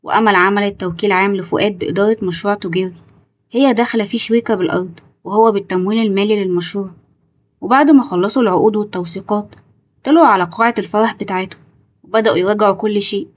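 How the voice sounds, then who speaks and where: A woman's voice: mid-range voice, steady tone, very fast, muffled recording. A woman with an Egyptian accent narrating a dramatic story in a suspenseful way, speaking directly to listeners. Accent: Egyptian Arabic.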